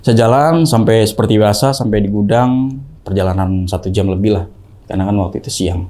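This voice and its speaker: A young man telling a ghost story in casual talk, acting out the quoted voices in a higher pitch. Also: a little fast. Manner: animated, acts out the quoted voices with rising pitch. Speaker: guest storyteller.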